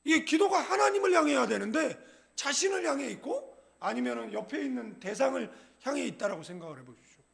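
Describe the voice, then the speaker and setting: A man's voice: very high-pitched, very animated, fast talker, vocal fry, a bit bright. A middle-aged male pastor preaching in a church, joking and conversational, often checking in with his congregation. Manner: humorous, conversational, asks the congregation "예?". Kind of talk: sermon. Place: church sanctuary.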